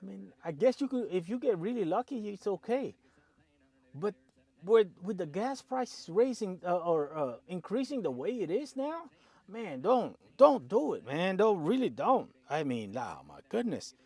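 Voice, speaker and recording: An animated male trucker talks prices in a casual vlog, voice sitting on the higher side. He gets fired up, chuckles and throws in "man" often. The sound is close and dry, with no room around it. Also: unhurried, breathy edge, no room sound. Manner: animated, excitable, peppers talk with "man" and chuckles. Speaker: owner-operator truck driver.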